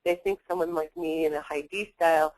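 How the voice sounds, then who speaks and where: A woman trainer giving a webinar presentation, talking in a fast, blunt, chatty way with many fillers. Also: sits low, steady tone, a little mellow, dry recording, low-quality recording. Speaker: workplace trainer.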